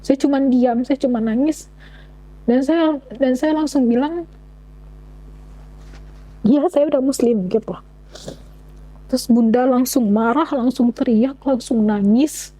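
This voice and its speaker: Woman, young adult, interview guest, earnest halting testimony, mellow voice. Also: high voice, fairly even intonation, low-quality recording. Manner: earnest, halting retelling with frequent restarts.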